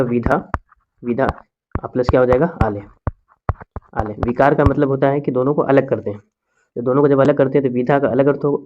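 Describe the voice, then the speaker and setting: A male teacher leads an exam-prep lesson at a moderate, mid-range pitch. He poses each question aloud, then answers it himself, repeating key terms to drill them. The recording sounds somewhat dull and lo-fi.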